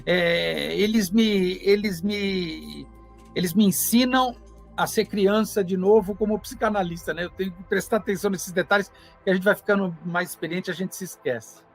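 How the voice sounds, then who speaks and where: High-voiced Brazilian man, animated storyteller. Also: moderate pace, gravelly, faint music behind. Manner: animated, acts out quoted dialogue. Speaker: psychoanalyst. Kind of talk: conversational interview storytelling.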